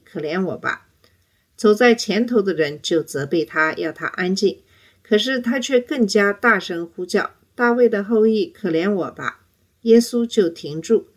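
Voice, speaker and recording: A woman hosting a Bible teaching podcast, giving a scripted lesson and reading scripture aloud, with rising emphasis on the quoted cries. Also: on the low side.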